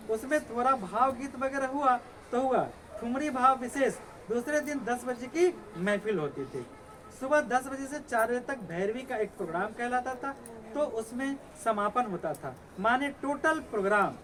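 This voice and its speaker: A man's voice: extremely high pitch, a bit bright. A male teacher giving a classroom lecture, explaining the lesson, asking students rhetorical questions and reciting verses. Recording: noisy classroom recording.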